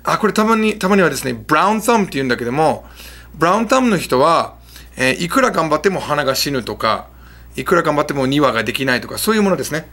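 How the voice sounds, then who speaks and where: Casual male teacher, lively pitch, a little high, chatty and easygoing. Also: quick pace. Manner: lively, chatty, fixing his setup mid-lesson. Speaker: English teacher. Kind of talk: casual explanatory lesson.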